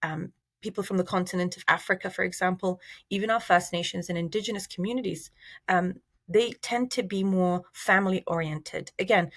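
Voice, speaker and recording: A woman's voice: fairly low pitch, a bit bright. Thoughtful woman researcher from Iraq. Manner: thoughtful, measured, frequent fillers and restarts. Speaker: researcher guest. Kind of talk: interview answers.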